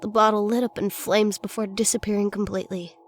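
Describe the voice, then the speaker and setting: Female horror narrator, scripted first-person tale, mid-pitched, slight background noise. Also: flat delivery, fairly quick. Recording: faint noise and ambience behind voice.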